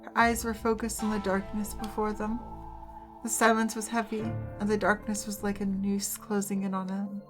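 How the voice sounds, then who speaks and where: A woman's voice: medium pitch, monotone, moderate pace. A woman hosting a let's play, reading a visual novel's story narration aloud. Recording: game music under the voice.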